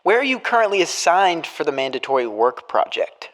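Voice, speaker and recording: A man's voice: on the high side, big pitch swings, a little fast, fairly bright tone. Man reading a businesslike prison interviewer. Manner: reads questions from a script. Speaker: podcast host.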